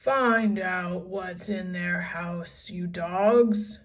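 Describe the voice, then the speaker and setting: A woman's voice: lowish voice, very slow, recorded from a distance. A woman voicing a big, mean, gold-greedy pirate captain in a children's storybook, roaring and growling out orders. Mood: barking orders. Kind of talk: children's storybook read-aloud.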